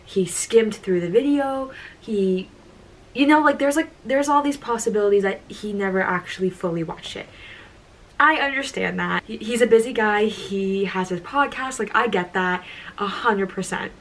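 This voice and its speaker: A woman's voice: mid-range voice, moderate pace, poor audio. A young woman telling a story in her vlog, gushing and emotional, with lots of "like"s. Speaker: YouTuber.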